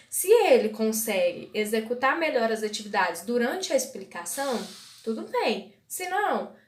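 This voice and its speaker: A woman's voice: fairly high pitch, echoey room. A woman teacher, patiently advising parents and sounding out syllables step by step. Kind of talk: guidance video for parents.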